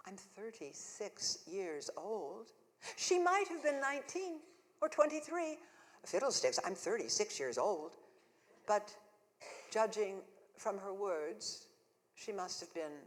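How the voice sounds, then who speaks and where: This is a live stage monologue: an actress portrays a spirited suffragist in her thirties, narrating her own tale with earnest, wry humor. Her medium-pitched delivery is slow and sing-song, echoing with the long reverb of the church hall where she performs.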